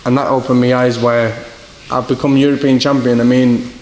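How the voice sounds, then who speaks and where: At a normal speed, a young boxer from Scotland talks in a medium-pitched, slightly mellow voice with a flat delivery and a northeast English accent. His casual interview answers wander into rambling stories, often punctuated by "do you know what I mean." There's an echo from the hall and faint background noise.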